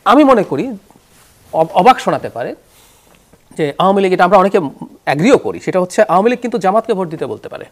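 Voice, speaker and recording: A man giving political commentary as a talk show guest, his voice sitting high and swinging widely up and down. He lays out his arguments in an explanatory, animated way and slips English terms into his sentences. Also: fast talker, pauses often.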